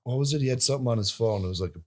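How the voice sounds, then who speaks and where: A man's voice: mid-range voice, very fast, darkish tone. Man trading dry, teasing asides. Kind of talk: podcast banter.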